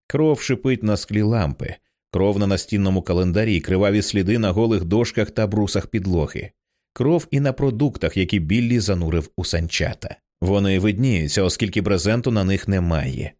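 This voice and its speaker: A man narrating a screenplay as an audiobook reader, in a dramatic and expressive way. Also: on the low side, moderate pace.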